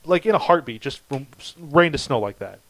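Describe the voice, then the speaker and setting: A man's voice: fairly high pitch, lively intonation, fairly quick, no echo, low-quality recording. A middle-aged man, co-hosting a casual chat and telling a long rambling story with many restarts. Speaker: podcast co-host.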